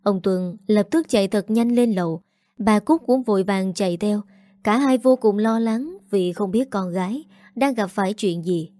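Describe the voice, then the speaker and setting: Woman reading a story aloud, mellow dark tone, dry close sound. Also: medium pitch, normal speed, no echo. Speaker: narrator. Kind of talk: scripted audio story narration.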